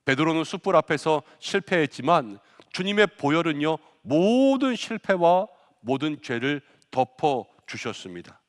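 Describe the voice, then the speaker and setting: A man's voice: fairly high pitch, sing-song, normal speed, few pauses. A male pastor preaching a Good Friday sermon, acting out quoted lines with rising force. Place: church sanctuary. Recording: long church reverb.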